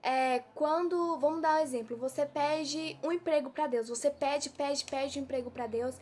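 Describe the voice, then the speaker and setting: A woman preacher gives an informal devotional sermon, preachy in tone and constantly throwing rhetorical questions at her listeners. Her voice sits high and has a darkish tone, at a moderate pace.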